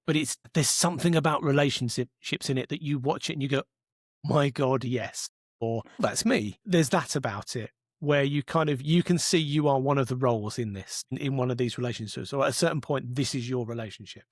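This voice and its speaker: A man's voice: mid-range voice, fairly quick, no room sound, clean studio sound. A man co-hosting a podcast in casual chat, enthusiastic and often repeating words as he goes. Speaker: podcast co-host.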